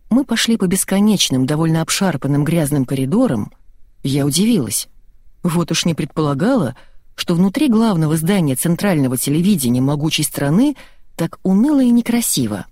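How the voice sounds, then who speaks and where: A woman narrates a comic novel in the first person, with lively, ironic storytelling. Her voice sits fairly low but moves animatedly. The recording is dry and close. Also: dry recording. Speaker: audiobook narrator.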